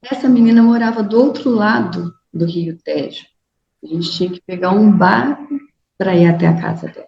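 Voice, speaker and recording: A woman from Brazil giving a talk at a club meeting, telling a personal story and acting out the dialogue in a raised, animated voice. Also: mid-range voice, normal speed, creaky, echoey room, highs cut off, slight background noise. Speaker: guest speaker. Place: meeting room.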